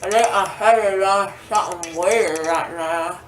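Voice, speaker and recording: A woman vlogger with a medium-pitched voice talks a little slowly, rambling casually to the camera during a makeup tutorial. She's groggy and loopy from anesthesia, her mouth numb and sore after dental surgery. The mic sits at a distance in a roomy space, with faint noise.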